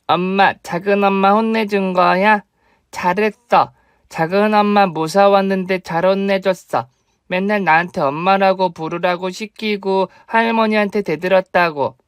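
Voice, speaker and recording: A man's voice: fairly even intonation, unhurried, clear, resonant tone, dry recording, studio quality. A man voicing a sweet, innocent little boy in a radio drama. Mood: cheerful. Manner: high, childlike and cheerful.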